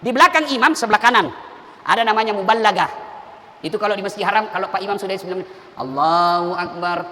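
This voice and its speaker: A middle-aged man preaching a humorous sermon, animated and joking, acting out little scenes. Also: high voice, racing. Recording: long hall reverb.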